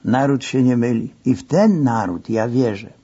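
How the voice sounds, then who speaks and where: A man narrating a story in an expressive, conversational and wry way. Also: mid-range voice, moderate pace, breathy edge. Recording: dull lo-fi recording.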